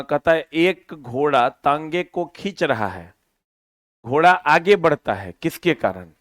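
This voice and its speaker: High-voiced man teaching a physics class. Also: no room sound. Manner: lively, quizzing students with repeated questions. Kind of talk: physics lesson for students.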